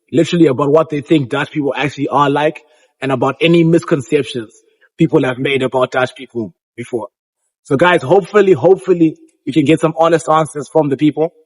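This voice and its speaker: A man's voice: fairly high pitch, rough recording. A man hosting a casual vlog and street interviews, upbeat and laughing along with his guests.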